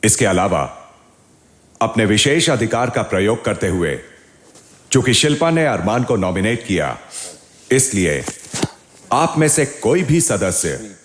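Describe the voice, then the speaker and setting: A man's voice: on the low side, sing-song, measured pace, pauses often, slight background noise. A man making formal scripted announcements as the show's unseen announcer voice, grave and commanding.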